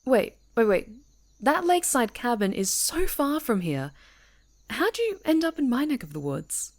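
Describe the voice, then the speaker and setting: A woman puts on a full character voice, fairly high with big pitch swings and a measured pace, to play a friendly, chatty camper on a woodland retreat. In this ASMR roleplay she talks easily and teasingly to an unheard listener.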